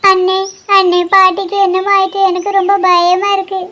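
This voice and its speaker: Cartoon role: a woman playing an anxious young woman, shrill and squeaky. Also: level tone, moderate pace, sharp tone, muffled recording. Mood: scared. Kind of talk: cartoon voice acting.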